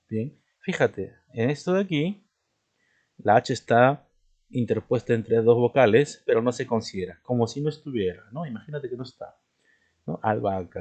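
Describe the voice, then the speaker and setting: A man's voice: medium pitch, darkish tone. A man teaching a recorded grammar lesson, explaining step by step and checking in with his listeners after nearly every point. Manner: explanatory, repeats "¿de acuerdo?" and "¿no?" as check-ins; spells out words slowly, stressing each example. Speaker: language teacher. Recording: dull lo-fi recording.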